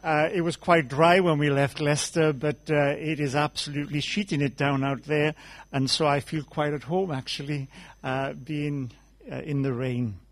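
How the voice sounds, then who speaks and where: A man with a Welsh accent preaches in an easy, conversational way, telling stories with gentle humor. His voice sits a little high for a man. He talks to the congregation as a guest speaker. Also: steady tone, normal speed. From South Wales. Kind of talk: conversational sermon.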